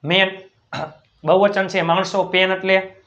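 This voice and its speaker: A man runs a beginners' English lesson, spelling each word out slowly letter by letter and saying it again and again. His voice sits high, and he keeps checking that his listeners follow. The recording sounds muffled and lo-fi. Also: little pitch movement, fairly bright tone. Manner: repeats words and keeps asking "right?". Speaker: English teacher.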